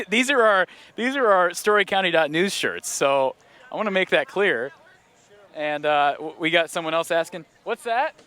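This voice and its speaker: A man reports live from outdoors, strolling through a tailgate crowd. His voice sits a bit high and sounds bright and forward. He chats in an upbeat, easygoing way as he stops people along the row. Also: animated, moderate pace. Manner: upbeat, chatty, interviews passersby. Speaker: on-scene reporter. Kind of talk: live roving field report. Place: outdoor tailgate lot near a stadium.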